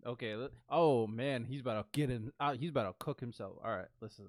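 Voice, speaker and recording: A man's voice: mid-range voice, quick pace, darkish tone. A man hosting a podcast, reacting to clips in loose, slangy casual commentary that thinks aloud with restarts.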